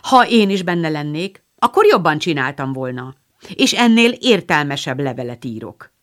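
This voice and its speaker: A woman reading the part of a hot-tempered, tomboyish teenage girl in an audiobook, in an excitable, indignant manner. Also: low-pitched.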